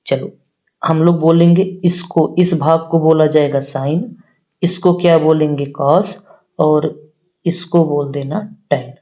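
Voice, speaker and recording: A man's voice: fairly high pitch, steady tone, takes it slowly, dark tone. A man teaching a maths lesson, talking straight to his students, asking them questions and answering them himself. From northern India. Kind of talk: classroom-style maths lesson.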